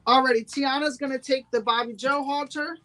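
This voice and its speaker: A woman's voice: high-pitched, fairly even intonation, fairly quick, background noise. Chatty woman hosting a live sale. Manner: chatty, repeats each price twice. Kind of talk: live-streamed sales pitch.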